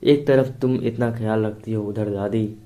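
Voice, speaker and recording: A man's voice: lowish voice, fairly even intonation, normal speed, mellow, close to an everyday voice. A man voicing a good-humoured, doting young man in a storybook reading. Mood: teasing.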